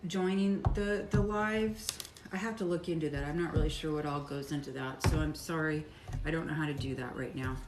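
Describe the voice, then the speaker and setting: Woman, live-stream soap maker, rambling casual chat, noisy background. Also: on the low side. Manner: chatty, rambling, talks while chewing and working. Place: home soap workshop. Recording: echoey room with clear background noise.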